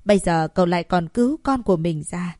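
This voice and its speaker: A woman's voice: on the low side, expressive, a little fast, darkish tone, no room sound, studio quality, natural voice. A woman voicing a tearful, grateful young mother in a narrated story. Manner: choked, tearful.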